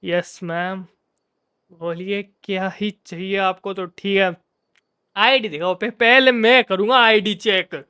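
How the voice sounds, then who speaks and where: A man's voice: high-pitched, steady tone, takes it slowly, bright, forceful tone, clear, resonant tone. A man giving casual, jokey commentary while playing a game, playfully scolding the characters on screen. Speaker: gamer.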